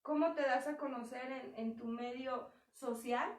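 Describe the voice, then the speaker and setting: High-voiced young woman preaching in an echoey hall. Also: steady tone, measured pace, distant mic. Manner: conversational preaching with acted quotes. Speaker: church speaker. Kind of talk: sermon. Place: church hall.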